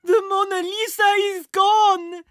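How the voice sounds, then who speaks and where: A woman's voice: very high voice, steady tone, slow pace, fairly bright tone, no room sound, studio quality, pitched above the performer's own voice, full character voice. A woman voicing a shocked female museum cleaner who shrieks in alarm. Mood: panicked.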